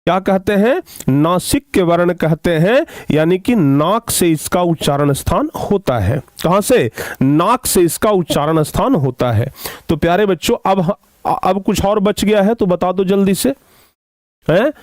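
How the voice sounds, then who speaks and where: High-voiced male teacher drilling pupils. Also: animated, a little mellow, dry recording, clean studio sound. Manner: repeats key terms slowly, calls pupils "dear children". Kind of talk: Hindi grammar lesson to children.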